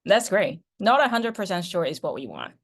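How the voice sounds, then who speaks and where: Middle-aged lady prof on a video call, lots of ums and restarts, lowish voice. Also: big pitch swings, normal speed. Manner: chatty, many fillers and restarts. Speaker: professor. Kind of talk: online class introduction.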